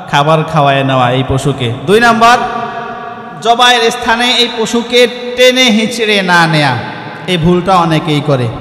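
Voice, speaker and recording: A man's voice: sits high, pushed and bright, echoey room, big-room sound. A man preaching a sermon who keeps asking his listeners questions and answering them himself, and chants Arabic supplications.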